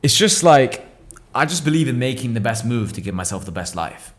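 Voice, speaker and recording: Sing-song, brisk and a bit bright, a medium-pitched male voice belongs to an English business owner in his twenties guesting on a casual podcast. He speaks bluntly and swears freely into a boom mic on an arm at a table in a small, visible indoor room.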